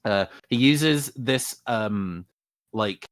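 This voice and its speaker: A man playing a tabletop role-playing game, relaxed as he describes what his character does, with some fillers. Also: on the low side, very slow, no echo. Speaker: player.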